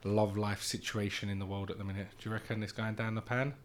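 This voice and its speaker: A man's voice: fairly low pitch, flat delivery, fast talker, a little hiss or hum. Blunt, swearing young man host. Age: 20s. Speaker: podcast host. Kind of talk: casual interview chat.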